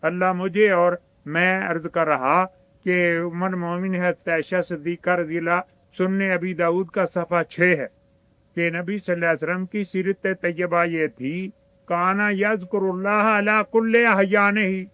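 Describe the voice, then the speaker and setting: A man's voice: high-pitched, level tone, normal speed, a bit bright, clean tone, no room sound. A man with an Urdu-speaking Pakistani accent giving a religious sermon, asking his listeners rhetorical questions and quoting Arabic scripture. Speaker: religious teacher.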